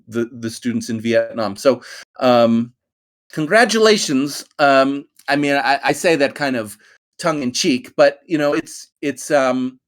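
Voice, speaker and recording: A middle-aged English teacher from New York hosts a conversation class over online voice chat. His mid-range voice is friendly and meandering, full of ums, fillers, and restarts.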